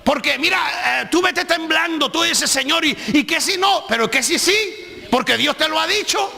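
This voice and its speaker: A male pastor, preaching a sermon with animated delivery and shouted emphasis, recorded live in a church hall. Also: very high-pitched, moderate pace, creaky. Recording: live stream with long hall reverb.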